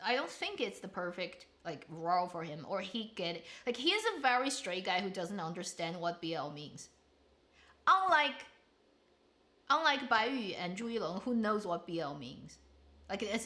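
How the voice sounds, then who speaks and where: Blunt and opinionated, a woman reviews dramas in a casual solo chat, her fairly bright, mid-range voice rambling through lots of restarts and trailing asides.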